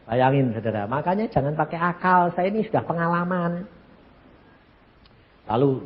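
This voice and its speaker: A man's voice: fairly high pitch, big-room sound, dull audio. A man in his eighties with a Javanese accent, preaching a testimony-style sermon and telling stories animatedly, with sound effects. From Central Java, Indonesia. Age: 80s. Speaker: evangelist preacher.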